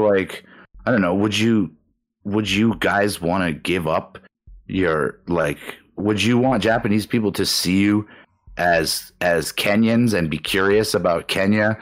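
A man, talking reflectively in a halting casual chat as a podcast co-host. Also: sits low. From Canada.

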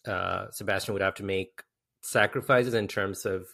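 Slightly low-voiced man discussing films. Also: steady tone, moderate pace, vocal fry, bright, forceful tone, husky. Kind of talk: casual conversational film discussion.

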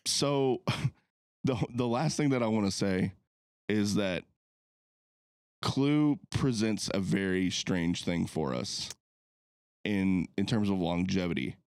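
A man's voice: fairly low pitch, slow, long pauses, a little mellow, smooth, no echo, studio quality. A man, a podcast co-host rambling and swearing in casual chat.

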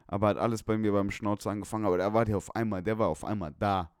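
A young man in casual chat, animated and slangy, swearing and laughing often. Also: fairly low pitch, very fast, smooth, dry recording, clean studio sound. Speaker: podcast co-host.

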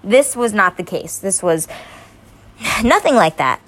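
A woman's voice: mid-range voice, lively intonation, a little slow, fairly bright tone. A young woman vlogging her opinions on politics, growing emphatic and stumbling over her words as she gets worked up. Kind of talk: casual opinion commentary.

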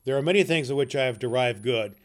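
A man voicing a cheerful, warm-hearted young nephew who speaks earnestly and good-humoredly in a storybook reading. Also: mid-range voice, fast talker, close to an everyday voice.

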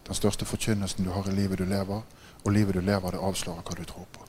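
A man preaching a sermon, telling stories with growing excitement, laughing often and checking in with listeners by asking "right?". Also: a little hiss or hum. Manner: gets louder and higher in excited passages. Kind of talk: sermon with animated storytelling.

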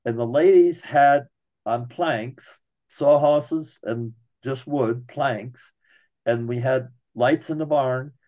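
A man's voice: mid-range voice, a little mellow, muffled recording. Folksy man telling a hunting story. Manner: folksy, addresses listeners as folks, laughs while telling. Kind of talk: casual storytelling.

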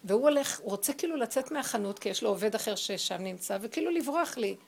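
A middle-aged woman giving a spiritual talk, telling personal stories in an animated, emphatic way. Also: on the high side, creaky. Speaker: spiritual teacher.

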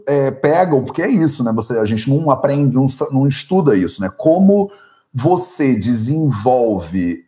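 Um homem apresentador e médico ayurvédico com sotaque brasileiro, conversando de forma animada numa entrevista e pensando em voz alta. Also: male voice, medium pitch. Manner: animated, thinks aloud with many "né?". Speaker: podcast host, Ayurvedic doctor. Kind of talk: conversational interview.

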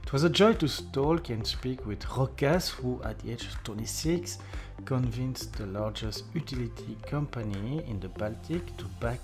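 A man hosting a podcast interview, upbeat and talking with frequent fillers. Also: lowish voice. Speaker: podcast host.

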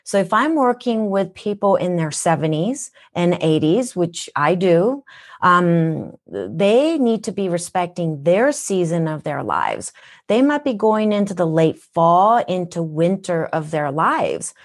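On a podcast, a wellness guest from Japan who speaks with a Minnesotan accent talks in a fairly low, very animated voice at a measured pace. Her manner is earnest and instructive, and she leans on rhetorical questions.

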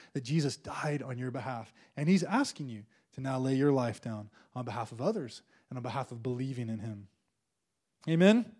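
A man's voice: on the high side, a little mellow. A male preacher delivering a sermon and leading the congregation in prayer, with fervent call-and-response and lines repeated for the room to echo.

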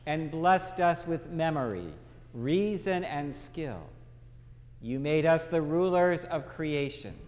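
A man leading a eucharistic prayer as priest in a large church, with solemn, measured phrasing and a cathedral echo. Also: a little high. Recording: long echoey church reverb.

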